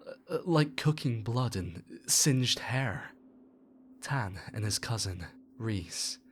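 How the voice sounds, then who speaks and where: A man reads a horror story aloud in a low voice, taking his time over every line. His telling is measured and unhurried, slipping into hushed tones. A faint hiss sits under the voice.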